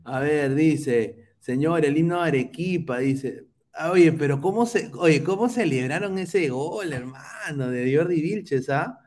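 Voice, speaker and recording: A man's voice: on the high side, lively intonation, a little slow, darkish tone. A man hosting a football podcast in casual chat, teasing rival fans as he reads viewer comments. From Peru. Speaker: podcast host.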